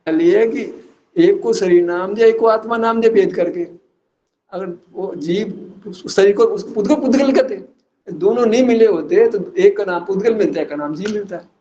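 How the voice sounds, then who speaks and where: A religious teacher with a warm, fairly high voice speaks at normal speed, giving a philosophical religious discourse. He teases listeners with rhetorical questions and chuckles at his own points, and the audio sounds dull.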